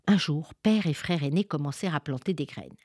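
A woman narrating a children's folk tale with expressive, sing-song storytelling. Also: low voice, fairly quick, slightly rough, no echo, clean studio sound.

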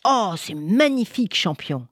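A woman's voice: fairly low pitch, sing-song, moderate pace, breathy edge, dry recording, studio quality. A woman voicing a kind puppy seller. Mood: gentle. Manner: gentle, coaxing. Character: kind grown man selling puppies.

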